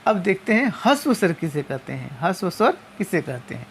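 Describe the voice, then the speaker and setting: A woman teaching a lesson, explaining step by step and slowly spelling out each sound. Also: on the low side, sing-song, slight background noise. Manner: slow and methodical, repeating and spelling out sounds.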